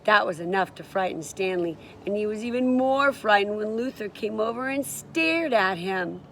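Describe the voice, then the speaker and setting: A woman reading a children's chapter book aloud, with lively, encouraging asides to young listeners. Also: medium pitch, normal speed, slight background noise. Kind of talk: children's storybook read-aloud.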